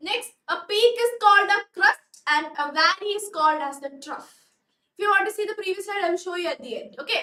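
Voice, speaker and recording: Young Malayali woman tutor, very high and unhurried, coaxing and always checking understanding. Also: sharp tone, roomy sound, recorded from a distance. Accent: Malayali English. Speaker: online tuition teacher. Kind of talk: live online class, mixing Malayalam and English.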